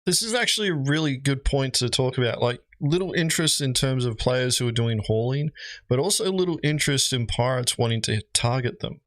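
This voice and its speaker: A man's voice: medium pitch, expressive, a little fast, fairly bright tone, no room sound. Guy streamer chatting loosely over game vids, dry close sound. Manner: rambling, frequent "you know" fillers. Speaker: streamer reacting to videos. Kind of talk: casual reaction commentary.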